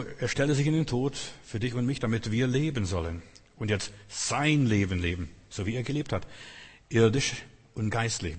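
A man's voice: mid-range voice, husky. A man preaching a sermon, earnest and emphatic, repeating his key phrases. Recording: long hall reverb.

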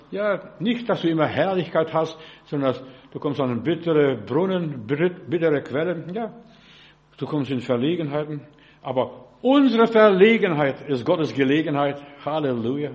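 Fervent German-speaking male preacher. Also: sits high. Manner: lively, animated preaching with dramatic quoted voices; speaks in short broken phrases, often saying "ja" and "verstehst". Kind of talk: sermon.

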